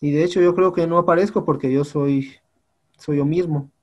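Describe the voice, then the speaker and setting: A man's voice: fairly high pitch, steady tone, moderate pace, highs cut off. A male teacher, patiently walking his students through an online class platform and often checking in with them. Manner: patient, repeats "compañeros" and "¿sí?" often.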